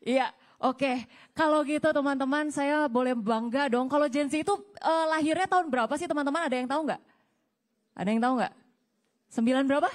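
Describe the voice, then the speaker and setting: A young woman with a high, bright-pitched voice hosts a live talk show on a campus stage. She chats with the crowd, teasing them playfully between introductions. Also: a little fast. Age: young adult. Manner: chatty, teasing audience banter. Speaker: event host. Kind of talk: lively stage hosting.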